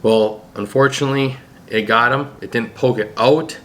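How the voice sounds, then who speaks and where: A man's voice: medium pitch, steady tone, moderate pace, fairly bright tone. A man explaining on a family vlog in a plain, casual storytelling way. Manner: plain explaining, with ums and asides. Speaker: vlogger, father.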